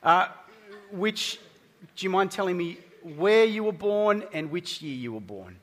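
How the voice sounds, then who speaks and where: Lively intonation and an unhurried delivery mark this high-pitched Australian man's sermon. He talks easily with the congregation in a church hall, and the recording is reverberant.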